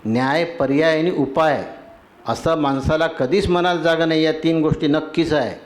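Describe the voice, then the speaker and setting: A man preaches a devotional sermon in a slightly high voice. He runs through lists of terms in a steady rhythm and keeps checking with his listeners. This is a spiritual teacher addressing a gathering. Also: normal speed. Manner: asks the audience for agreement.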